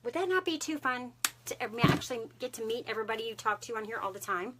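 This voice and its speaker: A woman's voice: a little high, animated, quick pace, fairly bright tone. A bubbly woman with a Texan drawl hosts a live craft stream at her home table. She talks to viewers in a chatty, friendly way, drops a lot of "y'all," and laughs often. A faint hiss of noise sits under her voice. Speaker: craft livestream host.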